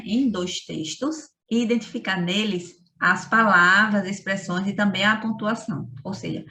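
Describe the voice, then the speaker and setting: A woman's voice: medium pitch, a bit bright, far from the mic. Woman teacher in an echoey room. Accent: Brazilian Portuguese. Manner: didactic, frequent tag questions. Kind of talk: remote school lesson.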